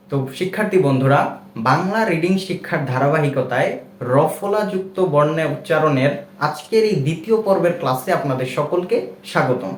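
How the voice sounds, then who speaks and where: A man's voice: a little high, roomy sound, slight background noise. A man with a Bangladeshi Bengali accent teaching a reading lesson, patiently spelling out and repeating each sound.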